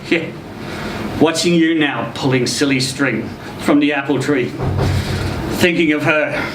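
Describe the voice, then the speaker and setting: At a live literary event in an indoor social venue, a man with a fairly high voice reads a short story aloud at a measured pace, theatrically and expressively acting out the quotes. The recording is roomy and distant, with a noisy hum.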